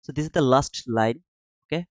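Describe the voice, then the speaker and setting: At a normal speed and mid-range pitch, the Bangladeshi trading streamer casually discusses his live chart and talks with his viewers' chat. The lo-fi sound is dull and dry with no room sound.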